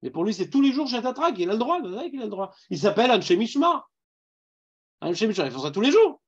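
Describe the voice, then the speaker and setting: Animated Parisian man teaching Talmud. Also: high-pitched, a little fast, husky, highs cut off. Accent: Parisian French. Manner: animated, questions students, mixes in Hebrew terms. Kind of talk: Talmud class.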